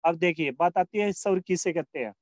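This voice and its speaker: A man's voice: a little high, fairly quick, dry recording. A male Hindi grammar teacher in a recorded school lesson, who asks questions and answers them himself, repeats phrases and draws out vowel sounds as examples. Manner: repeats phrases, restarts often.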